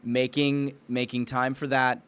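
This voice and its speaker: With a clear, resonant, slightly bright mid-range voice, this business owner and podcast co-host keeps things unhurried and fairly flat in pitch. His chatter is laid-back and bro-ish, the way you'd tell a story to a buddy on a casual podcast.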